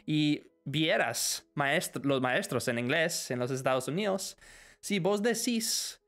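A man's voice: fairly high pitch, animated, takes it slowly, fairly bright tone. Man, live stream English lesson, switches languages, answers chat, faint music underneath. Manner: switches between Spanish and English, reads questions aloud.

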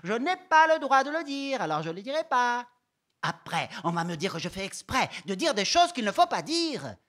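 A man's voice: very high voice, sing-song, moderate pace, fairly bright tone, full character voice. An actor playing a sulky seven-year-old girl who keeps insisting she did nothing wrong, in a whiny, repetitive stage monologue. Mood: defensive, sulky. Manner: whiny, defensive, repeats herself. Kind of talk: stage monologue performed live.

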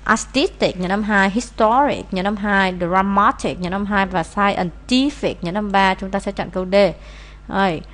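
A woman's voice: mid-range voice, brisk. A woman, teaching as she explains answers to an English test, with many "à" fillers. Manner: frequent "à" fillers, steady explaining.

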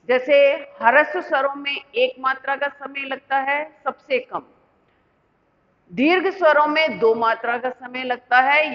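A woman teacher explaining a lesson step by step, asking the class questions and answering them herself. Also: sits high. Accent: Indian Hindi. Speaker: school teacher. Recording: muffled lo-fi with long reverb.

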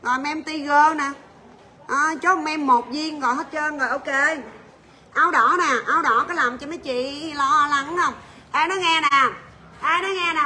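High bright-voiced woman selling on livestream. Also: a little hiss or hum. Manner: chatty, joking, rattles off prices and buyer names. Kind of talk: livestream sales chat.

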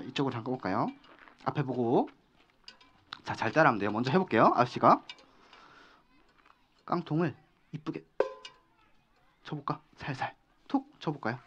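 Animated young man, kids' party magician. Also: medium pitch. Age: young adult. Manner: animated, coaxing, often calling out loudly to the crowd. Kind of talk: kids' party magician patter with simple instructions to children. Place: outdoor park performance before seated children. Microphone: headset. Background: music.

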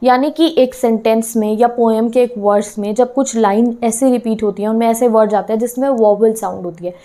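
Woman teacher, higher-pitched and mellow. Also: steady tone, a little fast. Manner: mixes Hindi with English terms, asks students questions; keeps checking in with "theek hai". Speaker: English teacher. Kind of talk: online class explanation.

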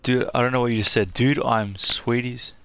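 A young man streaming live from his room on a headset mic, chatting excitedly as he opens game loot. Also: mid-range voice, normal speed, clean tone, dry recording. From Australia.

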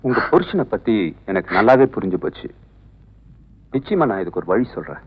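Sex: man. Figure: a calm doctor and husband. Pitch: middle, very lively intonation. Behind: loud film music. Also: brisk, gravelly, dull audio. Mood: soothing. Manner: soothing, coaxing.

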